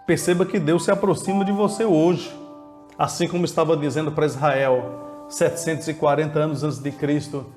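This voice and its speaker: High-voiced impassioned male preacher, echoey. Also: steady tone, moderate pace, a little mellow. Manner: impassioned preaching with repeated refrains, rising to exclamations. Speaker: pastor. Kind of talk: sermon. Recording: roomy echo with faint music behind.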